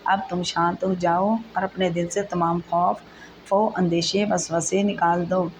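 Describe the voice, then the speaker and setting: A woman's voice: fairly low pitch, measured pace, lightly acted, rough recording. A woman voicing a young man, a devoted husband who speaks tenderly and reassures his wife. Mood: reassuring. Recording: steady background noise.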